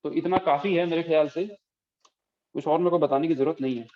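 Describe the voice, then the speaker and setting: A man's voice: on the high side, steady tone, fairly quick, slight background noise. A man teaching calculus to a class, explaining step by step and often asking if students follow. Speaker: math teacher. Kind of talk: classroom lecture. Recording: echoey room, dull lo-fi sound.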